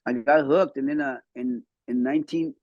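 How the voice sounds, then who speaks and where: Appearing as a podcast guest, a man in his fifties who grew up in Mexico tells his life story casually, speaking fast and repeating words. His mid-range voice has fairly even intonation, with lo-fi audio and no room sound.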